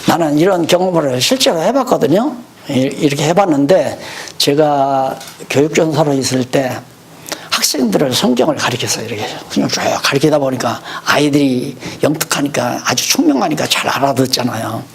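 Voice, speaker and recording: A man's voice: a little high, lively intonation, normal speed, vocal fry. A man teaching a Bible study lecture, explaining verses and then telling stories from his own life.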